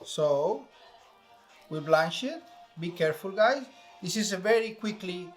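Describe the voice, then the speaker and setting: Faint music sits under a high-pitched male voice with lively intonation and an unhurried pace. He's a Venezuelan chef speaking English with a Venezuelan Spanish accent, laying out a recipe step by step with many fillers during a laid-back cooking demonstration.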